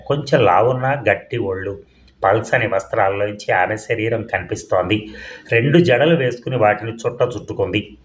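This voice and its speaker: A man reading a novel aloud as an audiobook narrator, in a measured, plain storytelling manner. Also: on the low side. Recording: dull, echoey room.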